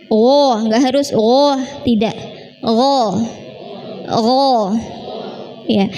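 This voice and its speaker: A woman's voice: high voice, a little mellow, rough recording. A woman teaching a live Quran recitation class, patiently demonstrating sounds and correcting her students.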